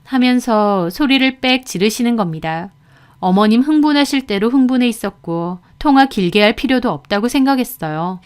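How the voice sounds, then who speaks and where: A woman's voice: fairly high pitch, lively intonation, normal speed, clean tone. A woman narrating a first-person radio story in a confiding, plainspoken way.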